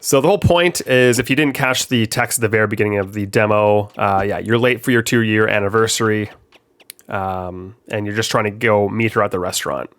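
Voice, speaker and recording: Brisk and fairly low-pitched with a fairly bright tone, a young man with a head-cold stuffiness narrates gameplay of a game he built. He explains it casually, with plenty of ums and uhs.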